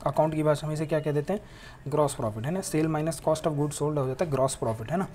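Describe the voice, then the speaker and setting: Mellow-voiced male teacher explaining step by step. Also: on the high side, quick pace, a little hiss or hum. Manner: asks rhetorical questions and answers them, with frequent tag questions; mixes English terms into Hindi explanation. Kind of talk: classroom lecture explaining economics.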